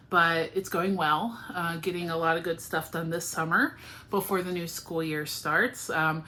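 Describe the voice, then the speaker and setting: A tired woman in her forties talks casually to the camera at home, a little low for a woman. Her chat is loose and friendly, full of ums and small laughs as she fights off yawns. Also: pushed and bright. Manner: chatty, frequent ums, laughs often, sleepy and yawning. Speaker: knitting podcast host.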